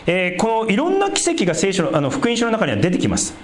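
A man preaching a sermon as a pastor, explaining scripture in a conversational way and dropping into a lower voice for asides. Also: wildly swooping pitch, quick pace, echoey room, slight background noise. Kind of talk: sermon, Bible exposition.

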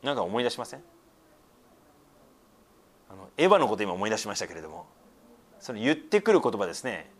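A man's voice: fairly low pitch, sing-song, a little fast, long pauses. A middle-aged male pastor giving a sermon, explaining scripture with frequent asides and a conversational, teaching tone.

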